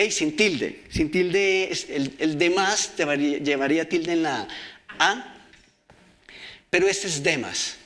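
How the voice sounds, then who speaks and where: Bright-voiced preacher. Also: male voice, a little high. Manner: reads scripture aloud and asks the congregation questions. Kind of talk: sermon.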